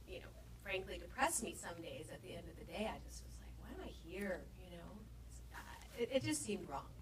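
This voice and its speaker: A middle-aged actress at a Q&A, telling a chatty story and acting out the quotes, picked up from far off. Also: female voice, medium pitch, a bit bright. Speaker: actress guest at a Q&A. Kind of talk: storytelling Q&A answer. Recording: distant event recording with faint noise.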